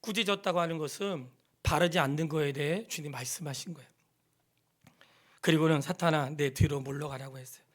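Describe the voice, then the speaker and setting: A middle-aged man preaches from the pulpit, his somewhat high voice rising to loud emphatic peaks and dropping to near-whispers. He quizzes the congregation and has them repeat lines after him, in the measured style of a church sermon. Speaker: pastor. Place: church sanctuary.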